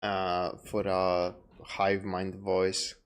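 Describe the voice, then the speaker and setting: A man's voice: low-pitched, monotone, extremely slow, heavy background noise. A man giving informal, sweary reaction commentary as host.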